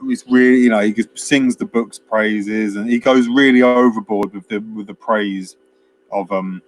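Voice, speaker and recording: A man's voice: fairly low pitch, steady tone, normal speed, slight background noise. A man co-hosting a film review, chatting casually with lots of fillers and restarts. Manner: rambling, many fillers and restarts, acts out quotes. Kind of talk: casual chat.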